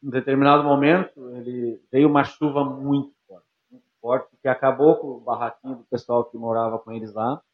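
A man's voice: mid-range voice, flat delivery, brisk, few pauses. Man over a tinny line. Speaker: podcast host. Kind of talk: casual chat, recounting a story.

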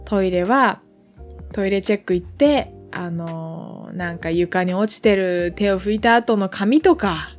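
A woman's voice: mid-range voice, a little slow, soft background music. A woman in her twenties hosting a casual solo podcast, chatting in a rambling way with lots of fillers and asides. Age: 20s. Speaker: podcast host.

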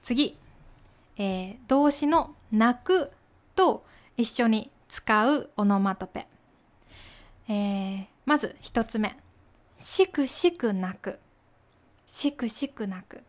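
A woman hosting a Japanese lesson podcast, explaining words patiently with example sentences and many soft fillers. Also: on the high side, lively intonation, slow pace, long pauses. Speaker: podcast host teaching Japanese.

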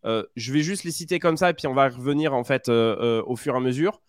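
Male podcast host, mid-pitched, casual and halting, dry close-mic recording. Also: smooth, dry recording. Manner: hesitant, many fillers, self-deprecating.

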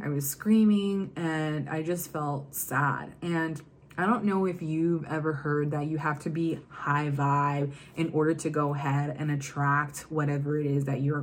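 "Go ahead and" crops up again and again as a young Virginian coach on love and confidence talks casually and chattily to camera. Her voice is low, and the recording carries a little hiss or hum.

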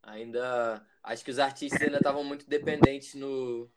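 A man in his twenties from Brazil, a musician guest talking in a relaxed, reflective way about his path. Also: mid-range voice, moderate pace, over a noisy crowd. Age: 20s. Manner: relaxed, reflective, rambling with fillers. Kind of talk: casual interview.

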